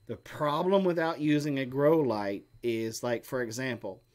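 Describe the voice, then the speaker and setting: Here a middle-aged man with a medium-pitched, darkish voice speaks a little slowly while co-hosting a homestead live stream. He chats and answers questions loosely, explaining as he goes and leaning on fillers.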